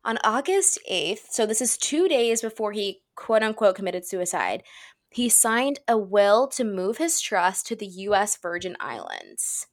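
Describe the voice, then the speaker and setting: A woman's voice: mid-range voice, very animated, unhurried. A woman in her twenties co-hosting a podcast in casual chat, reading out news with sarcastic asides. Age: 20s. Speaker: podcast co-host.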